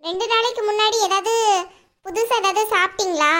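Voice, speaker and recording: A calm, firm female doctor in a cartoon, voiced by a woman. She speaks in a reproving tone. The voice is very high and bright. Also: brisk. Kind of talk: cartoon voice acting.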